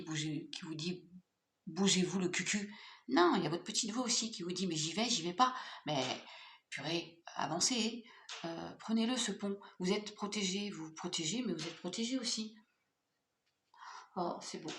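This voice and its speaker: A woman's voice: on the low side, a bit bright, reverberant. A woman doing a casual, playful card reading for her viewers, chatty with many fillers. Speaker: tarot card reader.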